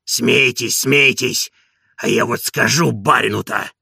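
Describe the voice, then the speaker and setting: A man voicing a hoarse, devoted old servant in an audiobook, indignant and boastful. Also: mid-range voice, takes it slowly, bright, forceful tone, no echo, clean studio sound, pitched below the performer's own voice, exaggerated voice. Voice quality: gravelly, hoarse.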